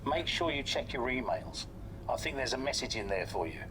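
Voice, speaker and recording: A man voicing a racing team boss who guides a rookie driver in a brisk, friendly, instructing manner. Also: mid-range voice, big pitch swings, natural voice. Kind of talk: video game cutscene dialogue. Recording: game audio with clear background noise.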